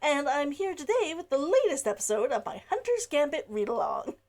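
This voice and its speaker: High-pitched and a little mellow, a woman speaks fairly quickly and very animatedly as she introduces and reads her own novel chapter by chapter. She's giggly, laughing between sentences in the intro.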